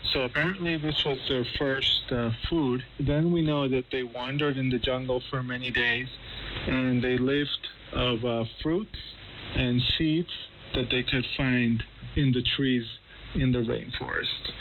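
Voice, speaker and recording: A journalist speaking as a correspondent explains events in a live news interview, conversational with some hesitation. His medium-pitched voice comes over lo-fi shortwave radio with faint background noise.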